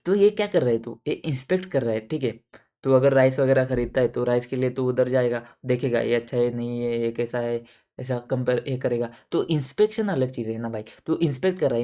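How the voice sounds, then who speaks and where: A man's voice: mid-range voice, mellow. A man teaching an audit exam lecture in a casual, buddy-like way, repeating points and checking that students follow. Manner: casual, addresses students as buddies with everyday shop examples.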